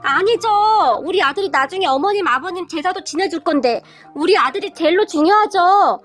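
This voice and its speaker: A woman's voice: very high voice, lively intonation, a little fast, a bit bright, soft background music. A woman doing an entitled whiny sister-in-law. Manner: whining, defiant.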